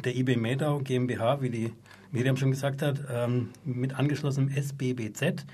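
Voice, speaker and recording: A male radio host speaks from the studio in a slightly husky voice, at a middle pitch. He talks in a relaxed, conversational way, pausing on small fillers between phrases. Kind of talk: radio talk show hosting.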